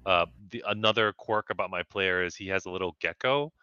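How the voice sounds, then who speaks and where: A man's voice: low-pitched, brisk, bright, forceful tone, clear, resonant tone, no echo. A man talking as a podcast guest in casual chat, reflective and working through his thoughts with restarts. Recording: slightly dull lo-fi sound, dry.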